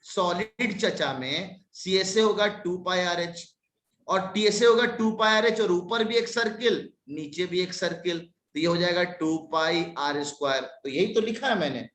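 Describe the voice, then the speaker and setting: Animated male teacher in echoey room. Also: high voice, measured pace. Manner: lively, scolding in jest. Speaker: maths teacher. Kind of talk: live online class.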